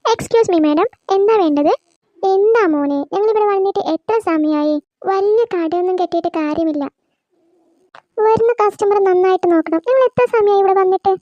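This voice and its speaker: A woman's voice: extremely high pitch, normal speed, no room sound, dull audio. A woman voicing a fussy, complaining grandmother in a cartoon, with an impatient, scolding manner. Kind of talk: cartoon voice acting.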